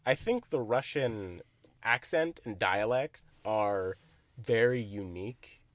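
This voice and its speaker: A young man co-hosting a podcast in casual chat, swearing freely, animated and laughing often. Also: lowish voice, slow, no echo. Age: young adult. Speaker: podcast co-host.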